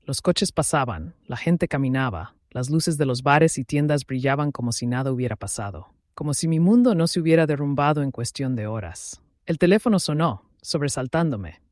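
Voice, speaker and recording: Man narrating a dramatic story calmly. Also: mid-range voice, moderate pace, few pauses, no echo, studio quality. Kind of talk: first-person story narration.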